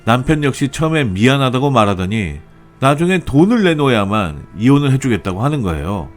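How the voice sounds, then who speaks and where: A man narrating a first-person story in an expressive, lively storytelling manner. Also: medium pitch, brisk, soft background music.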